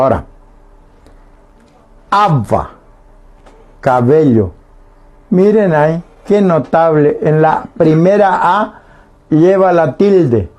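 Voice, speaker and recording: A man with a mellow, slightly high voice gives a Guarani lesson over the radio from a studio, explaining patiently and frequently making sure his listeners are following.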